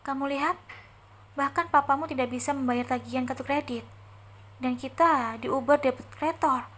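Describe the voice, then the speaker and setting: A woman's voice: sits high, normal speed, a bit bright, slight background noise. A woman voicing a brash, shameless middle-aged mother who talks in a raised voice.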